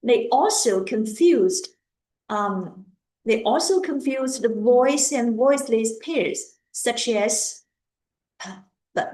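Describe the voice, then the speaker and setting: A woman giving a lecture on language teaching, speaking haltingly and repeating words as she goes. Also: a little high, a little mellow, roomy sound, rough recording.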